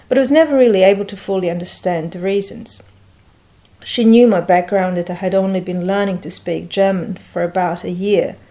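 A senior lecturer, a middle-aged woman from Bosnia whose first languages are Serbian and Croatian, reads a prepared personal story in a measured way, hesitating now and then. Her voice is mid-range and a little mellow.

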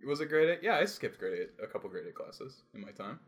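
A man from Canada, chatting loosely on a podcast. He rambles along, jokes often and laughs easily, in a plain middle-pitched voice. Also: very animated, quick pace. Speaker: podcast co-host. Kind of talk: casual chat recapping a show.

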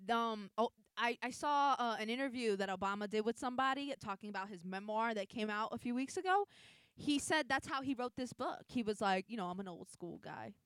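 Very smooth-voiced woman, rambling chat. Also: fairly high pitch, a little fast, dry recording. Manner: rambling, self-interrupting, swears casually. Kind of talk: casual chat.

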